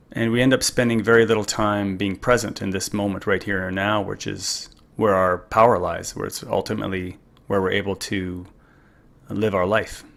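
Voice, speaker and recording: A man leading a guided meditation in a calm, soothing, unhurried manner. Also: fairly low pitch, creaky. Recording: music playing behind the voice. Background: meditation music.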